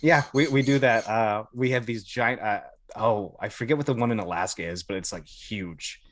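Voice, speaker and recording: This Air Force veteran, an American man on a podcast, has a lowish voice and a moderate pace. He tells casual, informal stories, swearing some and acting out dialogue, in a dry, studio-quality recording.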